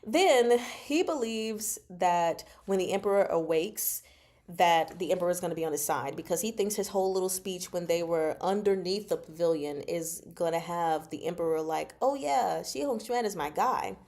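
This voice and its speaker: On the low side and a little mellow, a woman's voice moves at a moderate pace as she hosts a livestream book chat. It's casual commentary with live chat: slangy, emphatic, teasing, and full of expressive reactions.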